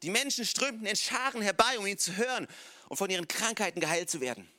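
A man preaching a sermon as pastor, telling stories in a casual, animated way and dropping in English phrases like "come on". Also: high voice, fast talker.

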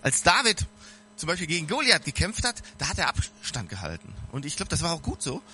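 Casual preacher, male, bright and fairly high voice, addresses the congregation directly. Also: huge pitch swings, brisk, a little hiss or hum. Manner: speaks directly to listeners, casual and earnest. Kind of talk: informal sermon.

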